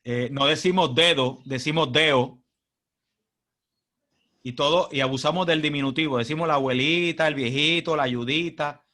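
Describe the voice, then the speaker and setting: Puerto rican guy giving a talk, kinda high voice, jokey and chatty, keeps asking the crowd questions. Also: brisk, few pauses, a bit bright. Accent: Puerto Rican Spanish. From Puerto Rico. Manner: humorous, chatty, asks the audience rhetorical questions. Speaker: guest speaker at a club meeting. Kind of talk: informal presentation.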